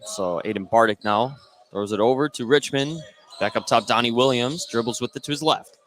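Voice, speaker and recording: A man calls live basketball play-by-play from beside the bleachers in a gym as a play-by-play announcer. His voice is mid-range and a bit bright at a moderate pace, with clear gym ambience behind it.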